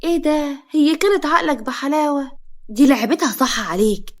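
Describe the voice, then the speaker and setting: A woman's voice: a little high, quick pace, darkish tone, lightly acted. A woman voicing a meddling, scheming mother-in-law with an Egyptian accent, wailing and melodramatic. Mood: indignant.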